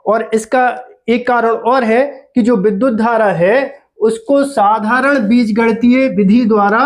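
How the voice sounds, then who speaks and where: Slow, high-voiced physics teacher. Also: male voice. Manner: repeats key words, quizzes students with questions. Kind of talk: classroom lecture.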